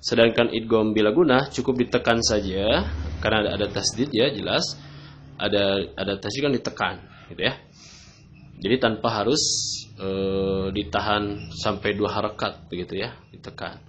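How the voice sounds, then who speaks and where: A man teaching tajweed rules patiently, often pausing on "nah, gitu ya" as he explains. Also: on the low side, slight background noise. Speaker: Quran recitation teacher. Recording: dull lo-fi recording.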